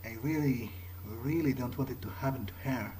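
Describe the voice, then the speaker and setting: Warm in tone and mid-range, this man's voice moves at a normal speed with slight background noise. He's a let's player improvising in character as a brooding young male vampire haunted by guilt, hesitant and repetitive, set against video game ambience.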